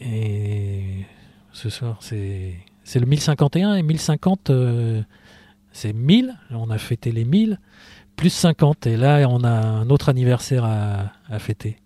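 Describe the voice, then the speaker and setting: A man hosting a radio show in a studio, talking in a loose, halting way. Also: medium pitch, lively intonation, dark tone, no room sound.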